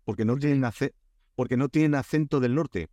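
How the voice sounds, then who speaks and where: Speaking at normal speed in a mid-range voice, this man from Spain has a Spanish accent. He's the guest Korea expert on an informal podcast and tells his stories animatedly, restarting often and leaning on fillers. There's no echo.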